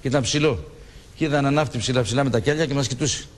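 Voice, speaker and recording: A man's voice: mid-range voice, big-room sound. A man in his sixties, a shipwreck survivor, telling his story in a TV studio interview and acting out the dialogue he remembers. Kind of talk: emotional recollection in a TV studio interview.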